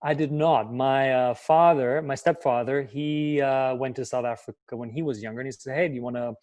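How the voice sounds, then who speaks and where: Medium in pitch and brisk, the young German guest comes through on a lo-fi recording without room sound. He answers in English with enthusiasm and plenty of filler words, speaking as a life coach being interviewed.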